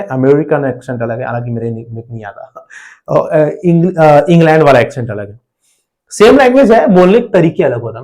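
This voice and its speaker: A man's voice: on the high side, a little mellow. An Indian man teaching an exam prep lesson, explaining step by step and often asking rhetorical questions.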